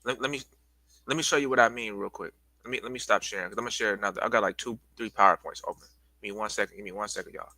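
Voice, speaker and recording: A man leads a casual livestream talk, stumbling over restarts and stopping to catch his breath. His voice is a touch low yet bright and pushing. The sound is dry and close, with no room around it. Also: fairly even intonation, racing, dry recording, poor audio. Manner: loose, repetitive, addresses viewers as y'all. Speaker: livestream host giving a presentation.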